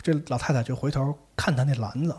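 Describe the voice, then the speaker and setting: Male podcast host telling a ghost story at top speed, voice on the husky side, lively and animated. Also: medium pitch, quick pace. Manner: animated, acts out the characters. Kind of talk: casual storytelling.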